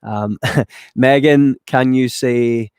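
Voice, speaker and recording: Speaking extremely slowly, this Scottish YouTuber from west of Glasgow has a smooth, darkish, medium-pitched voice with a steady tone. He reads viewer chat questions aloud and rambles through answers, sprinkled with ums and casual swearing. The recording is dry and clean, studio quality.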